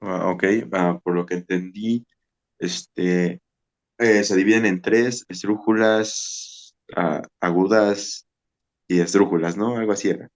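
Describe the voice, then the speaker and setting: A man's voice: low voice, fairly even intonation, takes it slowly. A man hosting a casual podcast discussion, asking curious questions and repeating words as he thinks.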